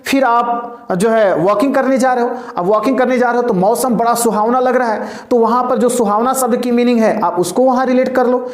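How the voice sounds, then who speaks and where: A man's voice: extremely high pitch, fairly quick, few pauses. A man teaching an English vocabulary lesson. He repeats his points, asks questions and answers them himself, calls his listeners "dear", and drills pronunciation call-and-response style. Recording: echoey room.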